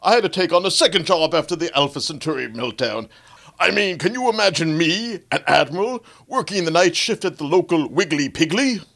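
An actor playing a pompous, chuckling old admiral who is now a hologram, with an old-fashioned upper-class manner. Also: male voice, a little high, expressive, brisk, vocal fry, fairly bright tone, exaggerated voice. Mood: jovial.

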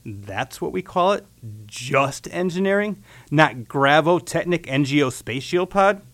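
Nervous fussy engineer guy , man acting it, bright sharp voice, swoops all over. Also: a little high, expressive, unhurried. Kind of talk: radio comedy sketch acting.

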